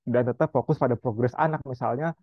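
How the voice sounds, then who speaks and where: A man explaining child development to parents in a calm, patient lecture, now and then acting out gentle lines a parent might say to a child. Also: medium pitch, fairly quick, dry recording, dull audio. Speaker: child psychology educator.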